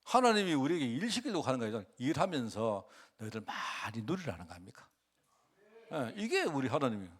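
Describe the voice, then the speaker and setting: A male pastor delivers a sermon in a conversational way, turning often to the congregation with questions. His pitch and loudness rise and fall in lively swings. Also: brisk, slightly rough.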